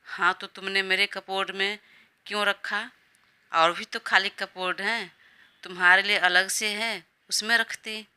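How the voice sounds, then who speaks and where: A woman's voice: mid-range voice, steady tone, measured pace, sharp tone, clean tone. A woman voicing a stubborn young husband who answers curtly and with irritation. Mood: irritated. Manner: curt, irritated.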